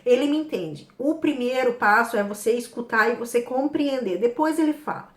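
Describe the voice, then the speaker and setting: A woman's voice: on the high side, normal speed. Brazilian woman with a Paraná accent, echoey room. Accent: Paraná Brazilian Portuguese. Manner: lively, laughs often, quotes family dialogue. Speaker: interview guest, mother. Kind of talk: casual chat.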